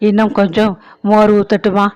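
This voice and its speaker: A woman reading the part of an aging, sick mother who speaks gently and consolingly in a storybook. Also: medium pitch, flat delivery, a little fast, lightly acted, rough recording. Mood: tender.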